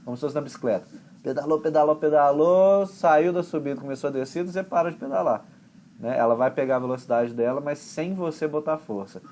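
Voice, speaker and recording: A man with a Brazilian accent, an English teacher explaining pronunciation in a chatty, relaxed way with homely examples. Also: mid-range voice, quick pace, a little hiss or hum. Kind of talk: conversation class explanation.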